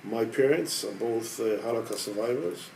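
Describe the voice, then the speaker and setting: A man in his sixties from Israel, an organization head telling his personal story in a measured, hesitant way with frequent pauses. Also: mid-range voice, vocal fry, a little mellow, slight background noise, low-quality recording. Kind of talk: personal testimony.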